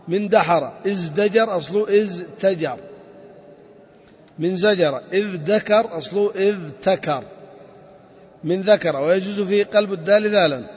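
Man, high voice, grammar teacher, classroom lesson, quizzing students, echoey hall, dull lo-fi sound. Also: breathy edge. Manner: explains step by step, quizzing students with short questions.

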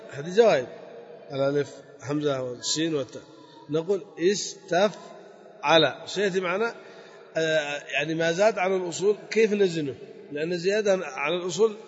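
A man's voice: on the high side, slightly rough. A man teaching a grammar lesson, explaining step by step and repeating key words. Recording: dull lo-fi recording with long hall reverb.

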